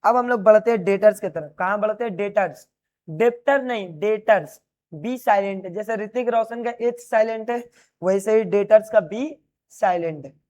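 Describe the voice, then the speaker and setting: A man's voice: sits high, moderate pace, a little mellow. Man teaching, quizzing students. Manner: repeats key terms as questions and answers them; explains while writing on a board. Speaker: commerce teacher. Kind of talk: classroom lecture to students.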